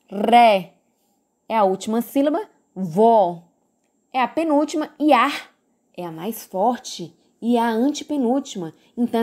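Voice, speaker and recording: A woman with a Brazilian Portuguese accent teaches a recorded grammar lesson, patiently stretching out words and asking the class questions. Her voice is high-pitched and a little mellow.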